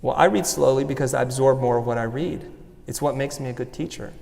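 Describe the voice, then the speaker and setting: A man's voice: medium pitch, fast, vocal fry, darkish tone. A man giving a motivational talk on stage, earnest and personal as he walks the audience through an exercise. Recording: long hall reverb.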